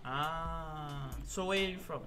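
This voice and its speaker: A man's voice: a little high, slow, bright, forceful tone, faint music behind. A man hosting a trolling video chat, teasing and flirting in a playful put-on persona, talking through a gaming headset in a small bedroom. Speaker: prank video chat host.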